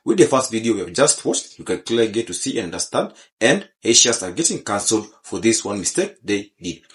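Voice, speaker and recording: A male channel host reads a scripted introduction straight to his viewers. His voice is low, and his pitch moves in a lively way. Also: brisk. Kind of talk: scripted video narration.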